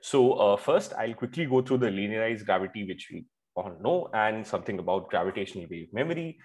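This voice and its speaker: A man's voice: fairly low pitch, animated, brisk, darkish tone, husky, poor audio. Young man presenting research online. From India. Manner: explanatory, frequent "uh" and "so" fillers. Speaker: PhD student presenting a paper. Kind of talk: conference talk over video call. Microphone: headphones on a video call.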